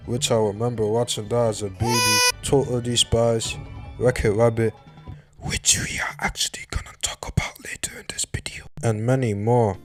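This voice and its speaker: A young man delivers casual YouTube commentary on a cartoon. He sounds dry and sarcastic and swears freely, with his pitch sitting in an ordinary middle range. Faint music plays behind him. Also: a little mellow.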